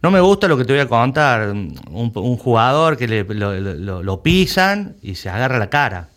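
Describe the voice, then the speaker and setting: A man's voice: mid-range voice, sing-song, normal speed, fairly bright tone. A man from Argentina with an Argentine Spanish accent, the president of a rugby club, talking emphatically in an interview and often repeating words while he searches for them. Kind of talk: conversational interview.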